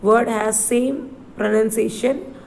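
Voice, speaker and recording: A woman teacher reading a story line by line to children, spelling words letter by letter and repeating them slowly. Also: on the high side, steady tone, creaky, darkish tone, a little hiss or hum, low-quality recording.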